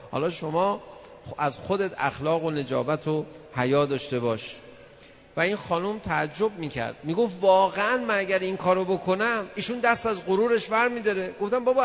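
A man's voice: fairly high pitch, a bit bright, a little hiss or hum. A male cleric telling a story in a sermon about marriage advice, animatedly acting out the voices of the people in it. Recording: reverberant, dull lo-fi sound.

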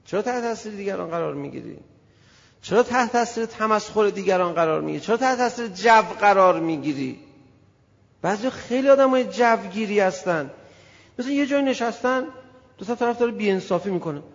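A man giving an animated, conversational sermon to a gathering, acting out little scenes as he goes, in an echoey hall on a dull, lo-fi recording. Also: high-pitched, gravelly. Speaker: preacher. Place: hall with an audience.

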